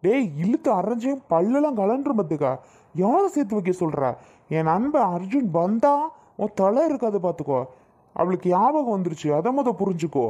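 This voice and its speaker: A woman's voice: mid-range voice, sing-song, fairly quick, warm tone, husky. A woman voicing a protective young husband in a cartoon, who speaks bluntly and threatens. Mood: angry. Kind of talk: cartoon voice acting.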